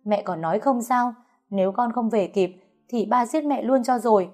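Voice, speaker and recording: A woman's voice: medium pitch, normal speed, darkish tone, soft background music, lightly acted. A woman voicing a defiant, desperate young adult daughter in a storybook reading, speaking in raised outbursts. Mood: alarmed.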